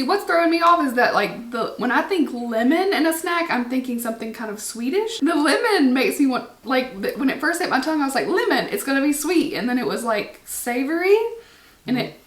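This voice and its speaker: A woman's voice: sits high, expressive, a little fast, reverberant. A woman hosting a snack taste test in casual chat, bubbly and enthusiastic. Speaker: host.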